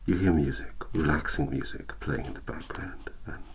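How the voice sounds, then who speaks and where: A man playing a cold, patient elf inquisitor in a whispered role-play, speaking softly and deliberately with a hypnotic, coaxing manner. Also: a bass voice. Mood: hypnotic, soothing. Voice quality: soft-spoken, breathy half-whisper. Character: cold, patient male elf inquisitor interrogating a human prisoner.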